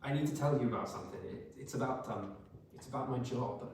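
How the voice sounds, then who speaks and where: A man's voice: mid-range voice, quick pace, darkish tone, a little hiss or hum, lightly acted. A man playing a nervous, evasive fiancé in a staged rehearsed reading, hesitant, stammering and placating. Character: nervous, evasive fiancé hiding a secret job. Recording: very echoey room, distant microphone.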